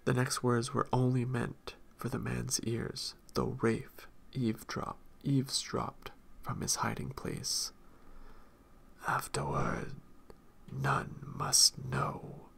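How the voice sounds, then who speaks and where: A man reading a fantasy novel aloud in a soft-spoken voice that often drops into whispers. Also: medium pitch, flat delivery, slow, creaky, few pauses, breathy edge. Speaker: audiobook reader.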